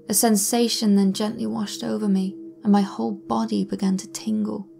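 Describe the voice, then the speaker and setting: A woman narrating a true paranormal story in a soft, slow, somber way, sometimes sinking to a whisper. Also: medium pitch, vocal fry. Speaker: channel narrator.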